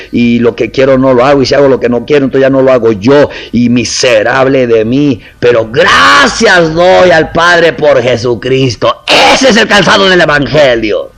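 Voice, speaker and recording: A man's voice: mid-range voice, poor audio. A man preaching a sermon in a conversational way, acting out little quotes and asking the congregation questions.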